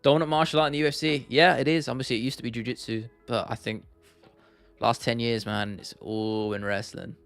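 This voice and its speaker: Here the livestream host has a mid-range, steady, fairly bright voice and a brisk pace. He chats casually and laddishly with his viewers, repeating phrases for emphasis, with faint music and keyboard clicks behind him.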